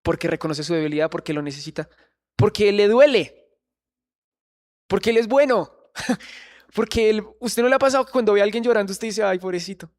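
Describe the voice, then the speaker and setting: A man's voice: sits high, brisk, long pauses, a little mellow. A man preaching a sermon in church, earnestly questioning the congregation.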